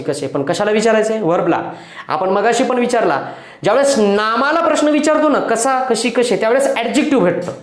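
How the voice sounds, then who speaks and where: A male English teacher, explaining grammar to pupils in a lively classroom manner, repeating his points and asking the class questions. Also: high voice, roomy sound. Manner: affectionately addresses pupils as children.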